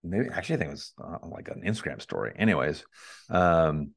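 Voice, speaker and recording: Podcast co-host, male, 30s, very low voice, easygoing storyteller. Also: big pitch swings, fairly quick, creaky. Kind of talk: casual chat.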